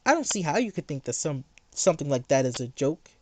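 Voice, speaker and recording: A streamer talking late into the night in a heated, sarcastic rant. The delivery jumps between mocking asides and blunt jabs. The pitch sits in a middle range. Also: very animated, quick pace, no room sound. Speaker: livestreamer.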